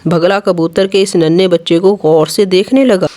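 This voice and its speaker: A storyteller narrating a bedtime animal story for children in a steady, expressive manner. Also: medium pitch, normal speed.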